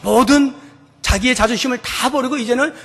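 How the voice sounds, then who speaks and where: High-voiced pastor preaching in a reverberant church. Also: male voice, brisk, a bit bright. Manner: dramatic, acts out quoted voices. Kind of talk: sermon. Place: church sanctuary.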